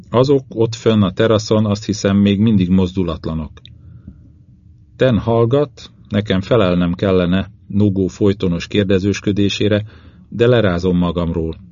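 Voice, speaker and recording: A man narrating a first-person novel as an audiobook reader, measured and steady. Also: low-pitched, no room sound, muffled recording.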